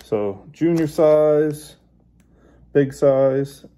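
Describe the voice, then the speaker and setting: A man hosting his own fishing channel, casually showing how he bends and adjusts a lure while he talks, in a relaxed hands-on way. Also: on the high side, drawn-out words. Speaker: bass angler, channel host.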